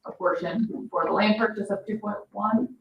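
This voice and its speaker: A creaky, mid-range female voice at a moderate pace belongs to a financial advisor explaining matters in a businesslike way at a public meeting. She's in an indoor municipal meeting room, picked up by a distant mic in an echoey, dull recording with faint noise.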